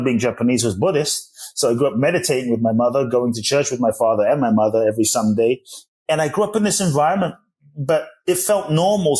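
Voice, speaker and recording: An earnest man in his forties tells his life story as a podcast guest. He was born in Ghana and raised in London, speaks in a voice of middle pitch, and often restarts his sentences. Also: a little mellow. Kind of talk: reflective storytelling interview.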